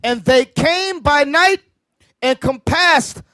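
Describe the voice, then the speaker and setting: A man's voice: extremely high pitch, takes it slowly, bright, forceful tone, dry recording. A man reading Bible verses aloud to a class, declaiming the old-fashioned wording with rising emphasis. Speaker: scripture reader.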